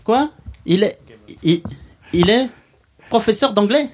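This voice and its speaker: A man's voice: high-pitched, animated, slow pace, a little hiss or hum. A man playing a pompous, sardonic podcast columnist who roasts the guest and chuckles at his own jokes. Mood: smug, mocking. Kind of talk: comic podcast chronicle.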